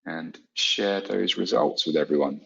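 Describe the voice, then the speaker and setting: Deep-voiced man running a webinar poll, muffled. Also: measured pace, creaky, sharp tone, a little hiss or hum. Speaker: webinar co-presenter. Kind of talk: product webinar presentation.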